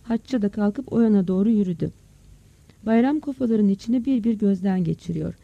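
A narrator reading a village story aloud as an audiobook in a steady storytelling manner. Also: mid-range voice, brisk, vocal fry, dry recording. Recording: dull, dry close recording.

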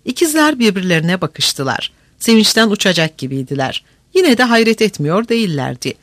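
An audiobook narrator reading a classic novel in a measured, expressive storytelling manner. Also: mid-range voice, no room sound.

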